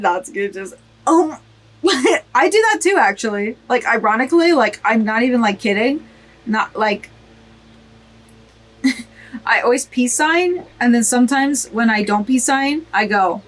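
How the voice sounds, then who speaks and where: A young woman gushing and giggling through casual game commentary, teary-eyed. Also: on the high side. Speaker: gaming video creator. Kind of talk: casual let's play commentary.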